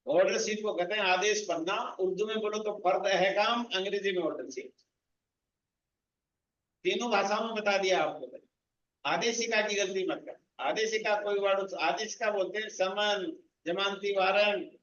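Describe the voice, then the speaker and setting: A man teaching a law coaching class, mixing Hindi with slow, deliberate English legal phrases. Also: high-pitched, fairly bright tone, a little hiss or hum. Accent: Rajasthani Hindi. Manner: addresses students directly, explaining step by step. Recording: echoey, distant, muffled room recording.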